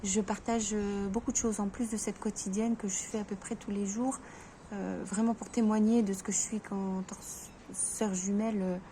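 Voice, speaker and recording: A woman in a personal vlog, talking to viewers in a halting way, stammering and restarting her sentences. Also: mid-range voice, level tone, dark tone, slight background noise. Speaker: vlogger.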